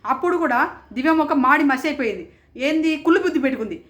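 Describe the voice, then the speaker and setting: A woman's voice: sits high, expressive, quick pace. A woman giving casual, opinionated commentary as a show reviewer, indignant and repeating phrases for emphasis.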